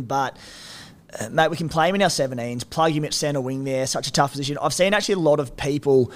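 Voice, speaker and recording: An Australian man co-hosting a sports podcast, chatting casually in a broad, slangy, blokey way. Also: fairly high pitch. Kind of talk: casual fantasy rugby league chat.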